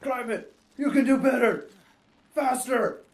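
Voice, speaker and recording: A man playing a demanding gym teacher, barking sharp, urgent orders in mock coaching. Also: very high voice, measured pace, echoey room, pitched above the performer's own voice. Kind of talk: mock coaching during gameplay.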